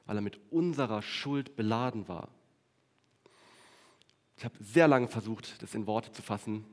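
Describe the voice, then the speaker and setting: A man preaching a sermon to his congregation, earnest, stretching key words slowly and dropping to a quiet voice on solemn lines. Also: mid-range voice. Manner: addresses the congregation directly.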